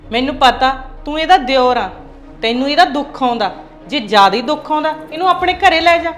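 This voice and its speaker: Lady doing a fast-talking high-voiced landlady, scolds everyone. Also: expressive, soft background music. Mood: scolding. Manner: brisk, scolding. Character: sharp-tongued landlady.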